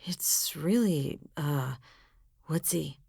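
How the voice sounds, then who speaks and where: A woman's voice: sits low, animated, very slow, vocal fry, warm tone, breathy edge, dry recording, studio quality, heavily acted. A woman voicing a caring young brother. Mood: concerned.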